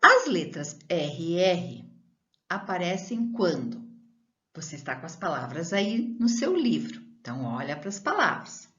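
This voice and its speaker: A woman teaching a primary school lesson, reading words slowly and drawn out and asking pupils questions. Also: lowish voice, sing-song, bright, forceful tone, muffled recording. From Brazil.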